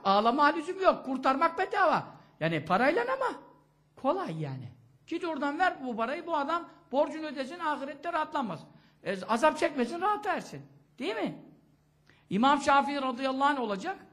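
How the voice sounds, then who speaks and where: A male preacher giving a sermon talk, telling stories with rhetorical questions. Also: very high voice. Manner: expressive storytelling, rhetorical questions.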